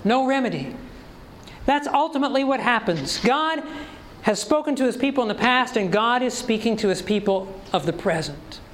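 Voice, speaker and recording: A man's voice: very high voice, expressive, normal speed, a bit bright, a little hiss or hum, low-quality recording. A man preaching a sermon, reading scripture aloud and pressing the congregation with rhetorical questions.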